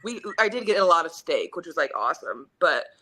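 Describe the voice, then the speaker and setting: A woman telling a long story in casual podcast chat, rambling and animated with many fillers. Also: lowish voice, fairly quick, husky.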